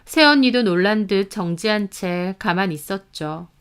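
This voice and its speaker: A woman narrating a first-person story in an even, earnest manner. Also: mid-range voice, measured pace, clear, resonant tone.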